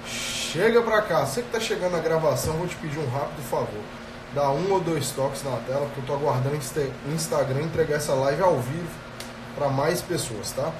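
A Brazilian Portuguese-accented man in his thirties, with a slightly high voice and brisk delivery, hosts a live stream as a productivity coach. Despite having a cold, he speaks energetically and directly to viewers, often checking in with a "tá?". The sound is echoey and distant, with background noise, from a phone's earphone headset mic in a small indoor room.

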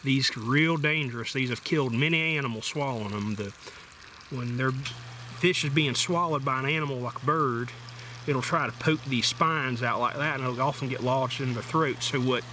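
A man's voice: medium pitch, moderate pace, pushed and bright. A middle-aged man, talking through a casual how-to while working at an outdoor camp table. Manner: plain, folksy, step-by-step explaining while working with his hands. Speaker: outdoor survival vlogger. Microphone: camera mounted overhead. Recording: water pump noise in background.

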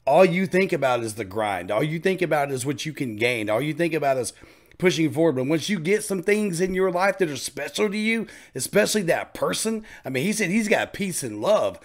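A man's voice: fairly high pitch, expressive, fairly quick. A man hosting a reaction channel, chatting casually and reacting with enthusiasm over faint music. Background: faint music playing.

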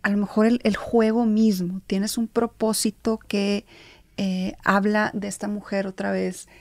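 A woman's voice: medium pitch, flat delivery, measured pace, no room sound. A woman hosting an interview, affirming her guest and summing up her answers at length. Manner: warm affirming, sums up at length. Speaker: interview host. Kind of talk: interview host.

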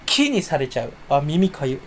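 A young man rambles through a solo stream at his computer, half talking to himself and teasing himself about how forgetful he is. His pitch swings widely and playfully from line to line. A faint background hum sits under his voice. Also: very animated, normal speed. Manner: rambling, self-mocking, mumbles to himself. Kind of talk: casual solo chat while browsing online.

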